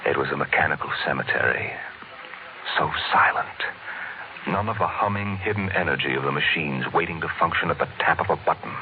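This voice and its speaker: An actor playing a grave, theatrical storyteller, narrating in dramatic 1950s radio style. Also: male voice, a bass voice, brisk, slight background noise. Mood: ominous. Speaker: narrator and announcer. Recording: tinny vintage radio recording, music.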